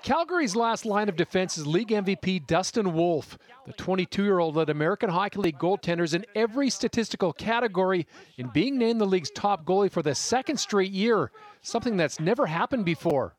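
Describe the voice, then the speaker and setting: A man voices a scripted sports news package. His voice is notably high for a man. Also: lively intonation, fairly quick. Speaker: sports reporter. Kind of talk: scripted TV report narration.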